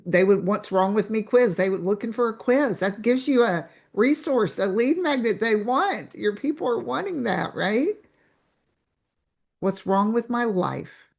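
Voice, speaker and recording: A woman's voice: medium pitch, creaky, a little mellow. A woman coach teaching a live online training, chatty, asking rhetorical questions and restarting her phrases. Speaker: business coach.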